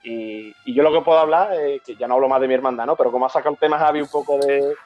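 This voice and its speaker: A man tells an old memory at an unhurried pace, stumbling over and repeating his words. The recording is dull and lo-fi, with faint music underneath. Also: mid-range voice, a little mellow. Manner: halting, repeats words, moved. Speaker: host of a brotherhood talk show. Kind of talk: emotional storytelling in casual chat.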